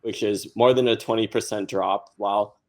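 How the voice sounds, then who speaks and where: Male panelist, slightly low, conversational explainer tone. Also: fairly even intonation, normal speed, darkish tone. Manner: explanatory, chatty with fillers. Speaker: panelist on crypto. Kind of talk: casual podcast discussion.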